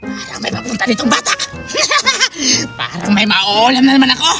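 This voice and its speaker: A woman's voice: on the high side, lively intonation, quick pace. A woman voicing a sly, hungry female sea monster in a cartoon, cackling and menacing as she lures children. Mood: scheming. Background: background music.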